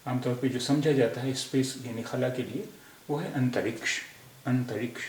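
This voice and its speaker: A man from India teaching a language lesson, patiently going over spelling corrections and repeating each word with many pauses. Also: medium pitch, darkish tone, roomy sound, slight background noise.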